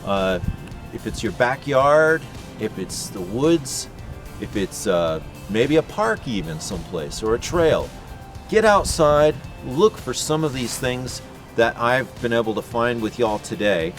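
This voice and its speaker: Male park ranger, gentle storyteller, mid-range voice, recorded outside. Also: medium pitch, very animated, measured pace, faint music behind. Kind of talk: guided nature hike talk. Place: outdoors in the woods.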